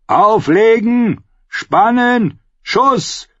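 A man voicing a young male commander who bellows orders to his archers, slow and drawn out. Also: on the low side, fairly even intonation, breathy edge, dry recording, lo-fi sound. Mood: commanding. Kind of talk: audiobook character voice.

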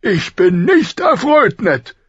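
Bellowing drunk king; barks loud and gruff, husky tone. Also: high-pitched, sing-song, moderate pace, dry recording, dull audio, pitched above the performer's own voice, heavily acted. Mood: furious. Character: bellowing angry drunk middle-aged king.

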